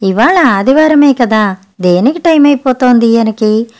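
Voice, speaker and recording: A woman's voice: on the high side, lively intonation, unhurried, darkish tone. A woman voicing a tired housewife who complains about her husband in a storybook reading. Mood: plaintive. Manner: complaining, plaintive. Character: harried housewife, weary and put-upon.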